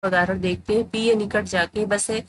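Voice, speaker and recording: Woman, grammar teacher, patient explaining tone, repeats phrases, medium pitch, faint noise behind. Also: steady tone, moderate pace. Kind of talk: explanatory tutorial.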